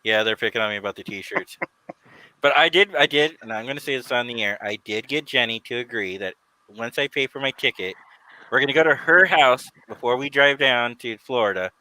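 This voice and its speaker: Casual male co-host, rambling and giggly, bright tone, dry close mic. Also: mid-range voice, a little fast, dry recording, poor audio. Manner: rambling, laughs often. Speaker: podcast co-host. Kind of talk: casual chat.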